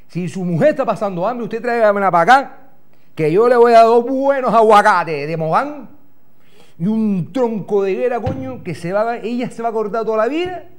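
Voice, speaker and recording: Here a middle-aged Canarian man from Gran Canaria, playing a TV host, tells a meandering funny story full of swearing and impressions of the people involved. His voice is high with big pitch swings, at a normal speed. The comic monologue is recorded on a lapel mic in a studio, with a backdrop behind him.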